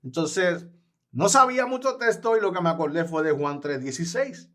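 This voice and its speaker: A man's voice: fairly high pitch, animated, normal speed, fairly bright tone. A man, a guest evangelist telling his personal testimony in an earnest, emphatic way.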